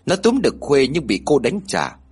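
A man narrating a ghost story in an expressive, formal reading style. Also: mid-range voice, moderate pace, husky.

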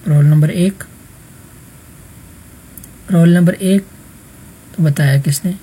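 A man's voice: fairly high pitch, fairly even intonation, dark tone, breathy edge. A man teaching an online Arabic vocabulary lesson, patiently calling on students by roll number and explaining answers.

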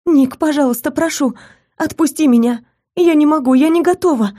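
A woman voicing a young heroine who cries out high, in pleas and protests. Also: moderate pace, warm tone, close to an everyday voice. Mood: pleading. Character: young woman heroine, pleading then indignant.

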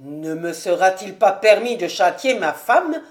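A woman reading a storybook aloud and voicing an angry, hot-tempered male cooper with a gruff, blustering manner. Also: on the low side, animated, measured pace, a little mellow.

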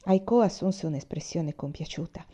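A woman reading a novel aloud in a measured, expressive way. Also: fairly low pitch, breathy edge. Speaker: audiobook reader. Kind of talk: literary audiobook narration.

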